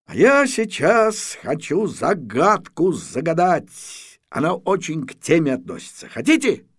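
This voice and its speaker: Male reader as polite young boy, raised pitch, straightforward. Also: big pitch swings, a little slow, breathy edge, full character voice. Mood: earnest.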